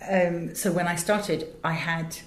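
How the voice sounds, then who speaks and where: Taking it slowly with a fairly low, steady voice, a middle-aged British woman from England answers interview questions in conversation. She's a guest who directs and produces audiobooks, given to emphatic stories and frequent asides, and the recording carries a roomy echo and faint background noise.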